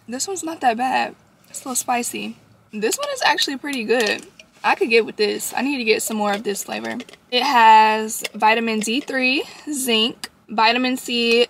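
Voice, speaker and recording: A woman's voice: fairly high pitch, creaky, fairly bright tone. A woman vlogging casually to her viewers, a working mom who has just woken up and sounds sleepy, repeating phrases for emphasis. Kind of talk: casual chatty vlog. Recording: echoey room with faint noise.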